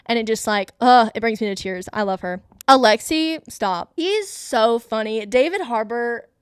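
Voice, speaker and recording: This host has a clear, resonant voice pitched fairly high, captured in a dry, studio-quality recording. She reviews a film on her own show with casual, filler-heavy chatter, raving about it like an excited fan.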